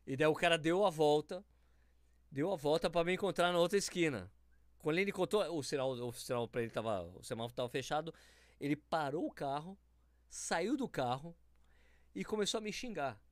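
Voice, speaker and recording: A man from São Paulo, Brazil, with a São Paulo accent, telling stories in a casual, animated chat and acting out the people in them. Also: on the high side, brisk, dry recording, studio quality. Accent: São Paulo Portuguese.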